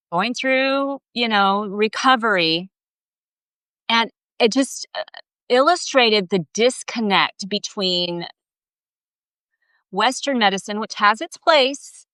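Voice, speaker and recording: A woman's voice: mid-range voice, bright, forceful tone, no echo. A woman hosting a casual live video chat, telling a story in an earnest, emphatic way. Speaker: host. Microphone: video call.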